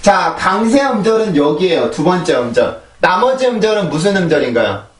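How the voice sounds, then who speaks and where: A man's voice: high-pitched, big pitch swings, a little fast, a little hiss or hum. A man with a Korean accent teaching English pronunciation, repeating drill words and asking rhetorical questions. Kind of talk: pronunciation lesson. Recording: echoey room, voice a bit far from the mic.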